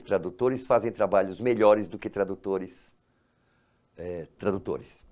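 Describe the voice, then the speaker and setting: A man, a translator and dubber, speaking haltingly and correcting himself in a documentary interview. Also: medium pitch, darkish tone.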